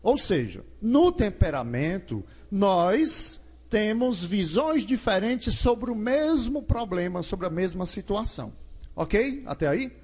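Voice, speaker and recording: Lively, high-voiced Brazilian preacher. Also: male voice, takes it slowly, husky. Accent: Brazilian Portuguese. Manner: asks the crowd questions and acts out scenes. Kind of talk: lively sermon. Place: large gymnasium.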